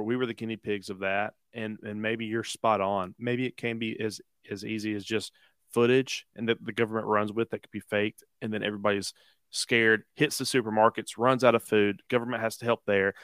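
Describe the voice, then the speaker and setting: A man co-hosting a casual podcast, rambling through ideas and cracking profane jokes. His voice sits lowish but sounds bright and smooth. The sound is dry, with no room around it. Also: steady tone, normal speed, no room sound. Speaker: podcast co-host. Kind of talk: casual chat.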